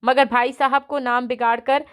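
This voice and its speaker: A woman's voice: a little high, smooth. Woman reading a story aloud. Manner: steady storytelling. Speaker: narrator.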